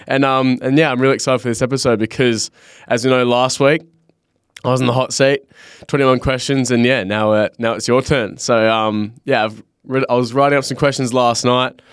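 Man, broad Australian accent, young adult, clean smooth voice, dry close sound, casual slangy co-host. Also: medium pitch, fairly even intonation, moderate pace, dry recording. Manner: laid-back, matey, slangy. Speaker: podcast co-host. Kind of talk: casual podcast chat.

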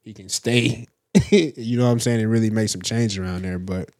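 A man's voice: on the low side, fairly even intonation, normal speed, darkish tone, no room sound, clean studio sound. A man co-hosting a casual sports chat in a slangy, conversational way. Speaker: podcast co-host.

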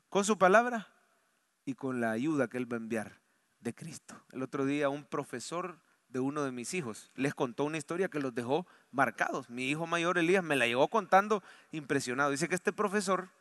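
Fervent Salvadoran preacher in a reverberant hall. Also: male voice, fairly high pitch. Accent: Salvadoran Spanish. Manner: swings from soft storytelling to loud fervent preaching. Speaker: pastor. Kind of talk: sermon with storytelling. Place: church.

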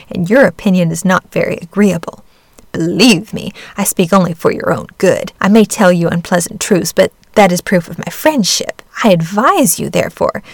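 A woman's voice: mid-range voice, no room sound, natural voice. A woman voicing a bossy, self-important hen who scolds and lectures condescendingly.

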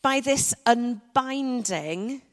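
A woman preaching a sermon to her church, reflective and measured, with soft dramatic pauses. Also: fairly high pitch, animated. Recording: church hall with long reverb.

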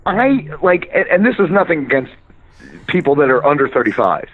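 A man's voice: a little high, sing-song, a little fast, narrow, tinny audio. A man of forty, a podcast guest and author, talking casually and ranting with lots of swearing. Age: 40s. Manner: profane, ranting, laughs mid-sentence.

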